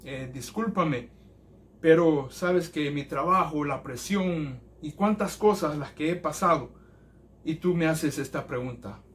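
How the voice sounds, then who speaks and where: A preacher acts out a worn-out working father home from a hard day. His voice sits high and sounds strained, with a short temper. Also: a little slow, a bit bright. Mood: regretful. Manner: scolding, then apologetic.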